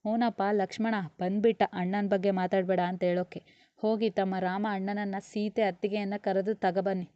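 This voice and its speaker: A woman reads out a sharp-tongued younger sister in a storybook tale, sarcastic and indignant. Her voice is mellow, set in a dry, slightly dull recording. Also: medium pitch, flat delivery, normal speed, clear, resonant tone, no echo, natural voice.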